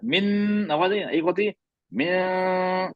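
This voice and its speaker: A man teaching Quran recitation, patiently repeating sounds slowly to demonstrate. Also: high voice, steady tone, dry recording, dull audio. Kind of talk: online class instruction.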